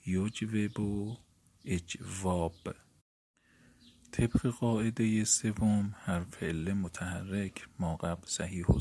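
A man with a very low, husky voice lectures methodically on grammar, breaking every rule down into its steps. He speaks as a seminary student teaching his peers. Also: darkish tone. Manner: methodical, spells out each step of a rule. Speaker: teacher of Arabic morphology. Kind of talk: classroom lecture on grammar rules.

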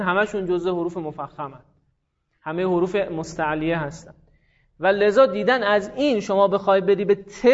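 A man teaching a class, lively and encouraging, repeating examples slowly and praising his students. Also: high-pitched. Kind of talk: classroom lesson on Arabic morphology. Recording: dull lo-fi classroom recording.

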